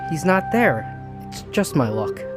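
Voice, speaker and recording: A man's voice: on the high side, very animated, a little slow, pitched above the performer's own voice. A man doing an earnest little flea. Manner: earnest and chatty. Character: small eager male flea who wants to be somebody. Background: background music.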